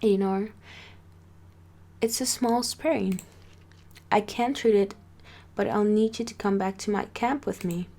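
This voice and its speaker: A woman's voice: mid-range voice, fairly even intonation, takes it slowly, pauses often, mellow. A woman voicing a blunt, caring young woman healer who asks direct, matter-of-fact questions in an amateur story reading. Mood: concerned. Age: young adult.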